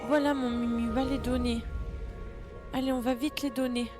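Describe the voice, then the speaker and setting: A woman's voice: fairly high pitch, level tone, normal speed, over music. A woman with a French accent streaming a game live, tearful, emotional, exclaiming and repeating herself.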